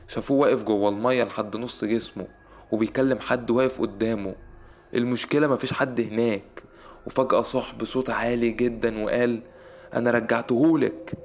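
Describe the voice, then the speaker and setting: A man with an Egyptian Arabic accent narrating a scripted horror story in a suspenseful way, with dramatic pauses. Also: lowish voice, gravelly.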